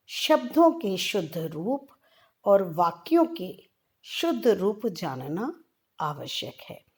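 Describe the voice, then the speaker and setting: A woman's voice: fairly low pitch, darkish tone. A middle-aged woman giving a grammar lesson, spelling out words carefully and stressing each sound. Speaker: Hindi teacher.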